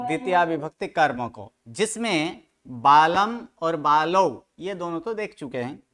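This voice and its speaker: A man's voice: high voice, fairly bright tone. A man teaching Sanskrit grammar to a study group, quizzing students with questions and correcting their pronunciation. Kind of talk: online study-group lecture.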